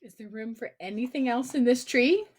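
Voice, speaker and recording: On a livestream, a woman storyteller reads a picture book to children, playful and exclaiming, with dramatic emphasis and asides to young viewers. Her voice sits on the high side at normal speed, with a darkish tone and a breathy edge.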